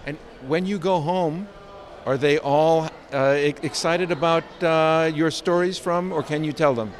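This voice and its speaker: A man interviewing a guest at an event, halting, repeating words with many fillers. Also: fairly high pitch, some chatter behind. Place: crowded indoor event.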